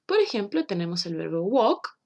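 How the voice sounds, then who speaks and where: A woman from Chile, explaining a recorded English lesson for children slowly and patiently. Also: mid-range voice, very animated, a little mellow. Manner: slow, clear, patient explaining with drawn-out example words. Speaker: English teacher.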